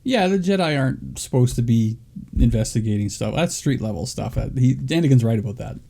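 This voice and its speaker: A man co-hosts a podcast, dropping laid-back, wry remarks into the conversation. His voice is warm and mellow, at an ordinary pitch, and he sounds relaxed throughout. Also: fairly quick, vocal fry, husky. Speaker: podcast co-host. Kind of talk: casual chat.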